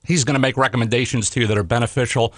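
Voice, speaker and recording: A man's voice: medium pitch, fairly even intonation, rapid-fire, no room sound, clean studio sound. A man co-hosting a radio show, delivering polished promotional patter in a salesy manner. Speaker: radio co-host.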